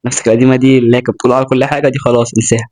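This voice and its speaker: A man's voice: medium pitch, level tone, racing, a little mellow. A young man with an Egyptian accent giving casual motivational talk to camera, earnest and chatty, with joking asides. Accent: Egyptian Arabic. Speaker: self-improvement vlogger.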